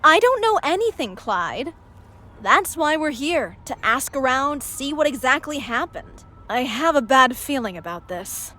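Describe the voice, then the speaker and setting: High-voiced determined student reporter. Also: female voice, very animated, measured pace, bright, forceful tone, full character voice. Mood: guarded, serious. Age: young adult. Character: determined, serious young female journalism student. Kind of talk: video game voice acting.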